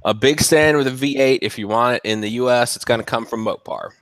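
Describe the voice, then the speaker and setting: A man's voice: mid-range voice, quick pace, fairly bright tone, no echo. A man, a mechanic, talking cars in a casual chat and laughing often. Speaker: mechanic, guest.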